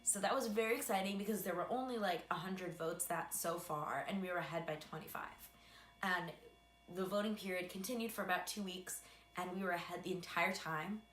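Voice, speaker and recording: A woman's voice: lowish voice, fairly quick, fairly bright tone. A young adult American woman telling a casual personal story in a chatty, self-deprecating way with dry asides. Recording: echoey room with faint background hum.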